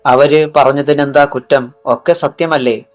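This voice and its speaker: A man's voice: mid-range voice, fairly even intonation, unhurried, lightly acted. A man voicing a harsh, scornful woman schoolteacher in an audiobook, scolding with contempt.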